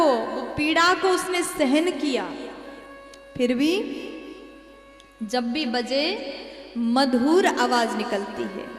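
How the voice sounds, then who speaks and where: A woman preacher telling a devotional story and urging her audience, in a slow teaching manner. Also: high voice. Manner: slow, preachy, addresses the crowd directly. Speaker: katha preacher. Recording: echoey hall with faint music.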